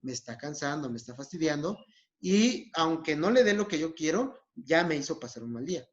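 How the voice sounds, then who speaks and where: This psychologist speaks fairly quickly in a slightly high voice with big pitch swings and a Mexican Spanish accent. In a recorded lesson on a therapy technique, he keeps checking in with listeners, captured on a dull lo-fi recording.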